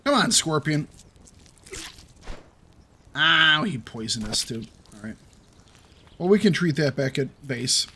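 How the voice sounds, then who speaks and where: Gamer host, young man, slightly high voice, unhurried and teasing. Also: sing-song, bright, forceful tone, breathy edge. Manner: playful, taunts the game's animals. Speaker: gaming video host. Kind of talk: let's play commentary.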